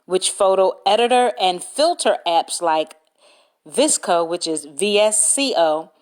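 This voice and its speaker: A woman hosts a solo podcast at an unhurried, measured pace. Her voice sits at an ordinary middle pitch, and she works through her tips step by step, spelling out names letter by letter. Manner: slow, deliberate, reads points aloud and spells words out. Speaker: podcast host. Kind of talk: solo podcast talk giving business tips.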